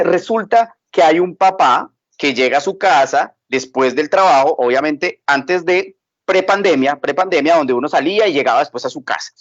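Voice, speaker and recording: A man with a somewhat high voice, animated as he tells stories. The recording is dull and lo-fi, dry and close. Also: no room sound. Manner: animated, storytelling. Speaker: education speaker. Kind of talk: reflective talk with acted anecdotes.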